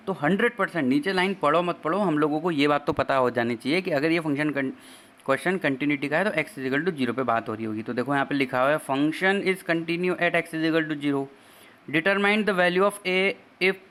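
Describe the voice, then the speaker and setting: A man's voice: on the high side, a bit bright, slight background noise. A man teaching exam-prep math, working through each step and asking his students rhetorical questions. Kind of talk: exam-prep math lecture in Hindi with English terms.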